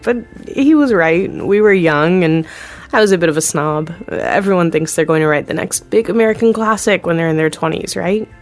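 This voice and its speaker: Playing an interview guest in an audio drama, this thirtysomething actress makes her TV executive producer frank, talkative, and full of laughter, always modest about her success. She speaks on the low side, animated, at a normal speed over faint background music.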